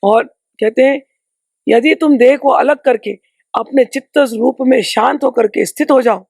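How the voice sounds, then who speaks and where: Woman spiritual teacher, gravelly and forceful, podcast chat, dry close sound. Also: high voice, a little slow, no echo. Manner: emphatic, storytelling with sharp rhetorical asides. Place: indoor podcast recording.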